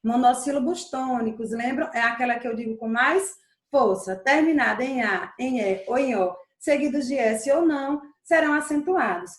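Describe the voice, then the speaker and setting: A woman with a high voice teaches a grammar lesson, slowly stretching out the stressed syllables and repeating them so they stick. The sound is roomy, with a clear echo around her. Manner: stretches stressed syllables, slow emphatic repetition.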